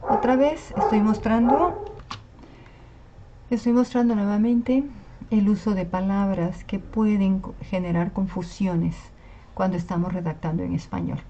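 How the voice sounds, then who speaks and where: A woman's voice: mid-range voice, fairly even intonation, a little slow, background noise. A woman teacher, patiently explaining and checking in with her class. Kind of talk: online class lecture on Spanish spelling. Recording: slightly dull lo-fi recording.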